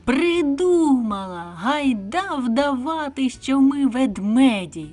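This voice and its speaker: A woman voicing a gang of noisy, playful young forest animals, a squirrel among them, who shout excitedly. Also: fairly high pitch, unhurried. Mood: boisterous.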